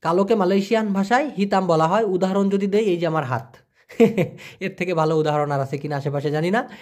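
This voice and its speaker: A man's voice: sits high, a little fast, a little mellow. A man giving a casual vocabulary lesson, repeating each word and explaining it with everyday examples. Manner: colloquial, chatty. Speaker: language teacher.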